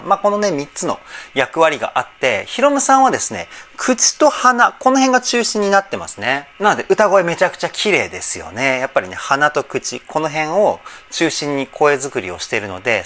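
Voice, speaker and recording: A man working as a vocal trainer, breaking down a singer's voice in a chatty, excited way and peppering his sentences with little verbal tags. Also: on the high side. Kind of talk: casual reaction and vocal analysis.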